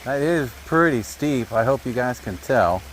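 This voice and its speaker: A man chatting casually outdoors on a rocky trail, explaining as he drives a remote-control crawler, recorded on low-quality audio from a neck-mounted camera's built-in mic. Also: lively intonation, measured pace, a little hiss or hum. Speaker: RC crawler hobbyist. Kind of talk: casual hobby vlog narration.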